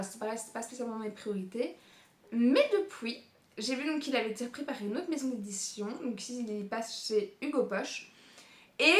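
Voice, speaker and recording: Chatty young woman, echoey room. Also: a little high. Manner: chatty, many fillers, laughs often. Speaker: book youtuber. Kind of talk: casual book talk.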